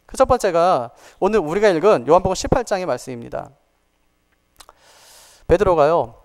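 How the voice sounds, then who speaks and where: Lively, high-voiced man preaching a sermon. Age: 40s. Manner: lively preaching, asks the congregation questions and acts out quoted lines. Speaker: pastor.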